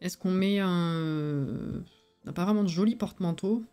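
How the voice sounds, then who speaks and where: Speaking at a moderate pace, this woman has a lowish, warm, clean voice and sounds tired. Her lisp turns her s sounds slushy as she muses casually through live-stream commentary over music.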